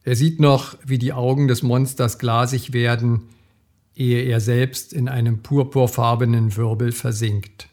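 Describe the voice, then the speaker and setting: Slow, measured male storyteller. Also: medium pitch, level tone, darkish tone. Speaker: reader. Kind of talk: audiobook reading of a thriller.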